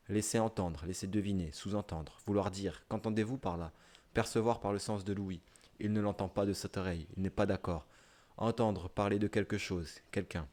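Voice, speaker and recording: A man's voice: lowish voice, darkish tone. A man with a southern French accent, a streamer reading dictionary definitions aloud live in short listed phrases, with offhand asides. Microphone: streaming microphone.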